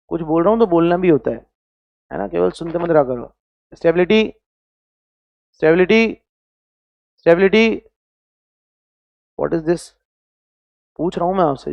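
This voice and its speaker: Teaching an online chemistry class, a man with a high, slightly mellow voice peppers students with rhetorical questions and adds scolding yet motivational asides. He blends Hindi with English phrases, and the recording is dry.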